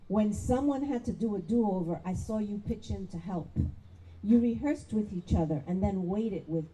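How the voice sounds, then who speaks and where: At a graduation ceremony, a female principal speaks with deep emotion into a podium mic. Her medium-pitched voice is mellow and moves at a normal speed, captured in a low-quality recording.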